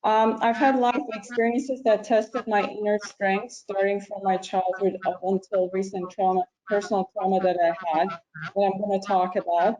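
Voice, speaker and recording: A middle-aged woman from Iran, a physician, giving an earnest personal talk over a video call, pausing often with ums. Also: medium pitch, little pitch movement, warm tone, dull audio, a little hiss or hum. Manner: earnest, halting with frequent ums. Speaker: physician speaker.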